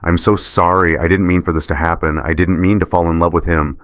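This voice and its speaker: A man's voice: deep voice, flat delivery, fairly quick, dry recording, clean studio sound. A man voicing a guilty, tearful wife who pleads and defends herself, in a story narration. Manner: soft, pleading delivery.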